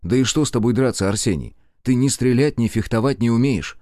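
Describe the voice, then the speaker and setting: Man playing a firm young gentleman in a storybook, curt and stern, dry close voice. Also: mid-range voice, expressive, brisk, no echo, natural voice. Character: calm young gentleman losing patience.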